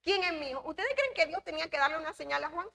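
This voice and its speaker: A woman's voice: sits high, very fast, creaky, pushed and bright. A woman from the Republic, teaching a church Bible class in an emphatic way, repeating key phrases and asking the class questions. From Dominican Republic.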